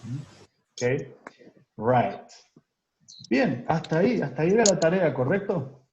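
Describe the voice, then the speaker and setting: A man's voice: a little high, big pitch swings, unhurried, darkish tone. A man teaching an online English class, explaining grammar patiently and drilling pronunciation with his students. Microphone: video call. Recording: roomy, dull video-call audio with faint noise.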